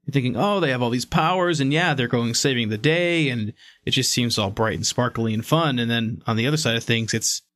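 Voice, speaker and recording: A man's voice: medium pitch, brisk, few pauses, fairly bright tone, dry recording. Chatty man on a dry mic. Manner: enthusiastic, laughs often. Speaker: podcast co-host. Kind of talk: casual chat.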